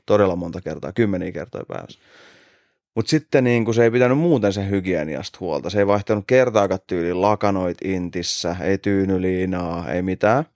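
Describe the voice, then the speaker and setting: A man's voice: sits low, darkish tone, dry recording, studio quality. A man in his late twenties, a podcast host, telling an anecdote in casual chat, swearing freely and laughing as he goes. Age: 20s.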